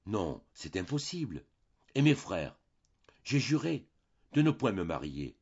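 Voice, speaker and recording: A man voicing a gentle, pained young woman shop clerk in an audiobook reading, pleading in broken phrases. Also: fairly low pitch, sing-song, measured pace, breathy edge, full character voice. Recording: dull lo-fi recording.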